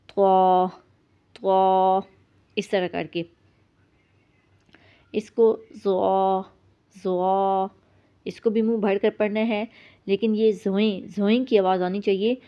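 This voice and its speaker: A woman teaching a beginner tajweed lesson. She explains in a plain way and draws out each letter sound slowly. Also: medium pitch, muffled recording. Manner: slow drawn-out letter demonstrations between plain explanations.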